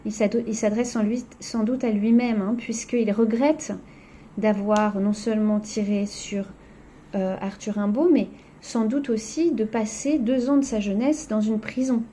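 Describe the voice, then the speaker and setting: Her voice is medium in pitch and dark in tone, with fairly even intonation and a measured pace. A female teacher in a recorded lesson, she explains a poetry exercise one step at a time, peppering it with "donc" and "hein," and there's slight background noise.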